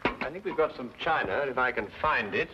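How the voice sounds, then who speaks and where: In an old-time radio drama, an English actor voices a confident, nonchalant detective with dry wit, sounding wry as he reasons things out. His medium-pitched voice is lively, a bit fast and sharp, with a slight hiss or hum. The dull vintage recording has music behind it.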